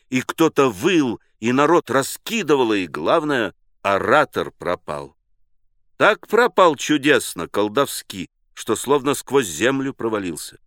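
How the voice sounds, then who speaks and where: A man narrating a novel with expressive, dramatic delivery. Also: mid-range voice, dry recording, clean studio sound. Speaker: audiobook reader. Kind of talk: literary narration.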